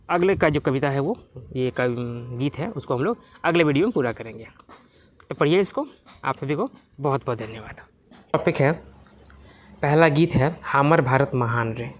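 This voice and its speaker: A man teaching an exam-prep lesson, reading lyric lines slowly and then explaining them in plain words. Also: a little high, animated.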